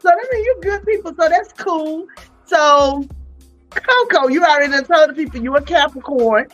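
A woman from North Carolina, hosting a casual chat podcast in a loud, playful, slangy way. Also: high voice, normal speed, dull audio, soft background music. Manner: loud, playful, chatty, drops into Southern slang. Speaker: podcast host.

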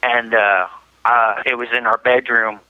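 A young man talking on a prison payphone line, in a flat, halting way with restarts. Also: medium pitch, no echo. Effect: prison payphone call line. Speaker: prison inmate. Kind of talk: interview over a prison phone. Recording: muffled prison phone line.

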